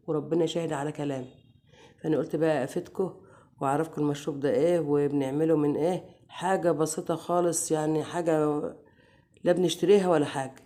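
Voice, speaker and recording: An Egyptian woman, hoarse from a cold, hosting a casual home remedy tutorial and chatting affectionately to her viewers. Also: low voice. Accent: Egyptian Arabic. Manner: warm, chatty, addresses viewers as dear sisters. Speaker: home cooking channel host.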